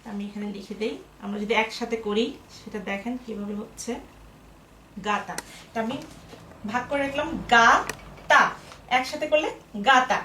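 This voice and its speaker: Woman teaching slowly in an echoey room. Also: a little high, fairly even intonation, a bit bright, distant mic, a little hiss or hum. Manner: slow, syllable-by-syllable explaining. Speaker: language teacher. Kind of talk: whiteboard language lesson.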